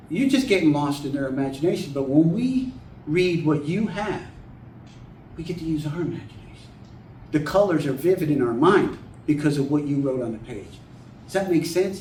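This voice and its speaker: An older man telling stories to a writers' group in a plain-spoken, animated way. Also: a little high, normal speed, recorded from a distance. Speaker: author and guest speaker. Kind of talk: folksy storytelling talk to a writers' group. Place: meeting room. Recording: echoey room, mic from afar, faint hiss.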